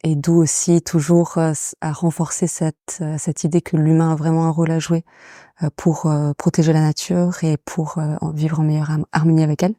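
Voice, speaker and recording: A young woman from England who grew up in France, speaking in a low, dark, rather flat voice. She talks hesitantly, with many fillers and pauses, as a guest in a casual interview. The sound is dry and close. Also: no room sound. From England, raised in France. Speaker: guest, association director.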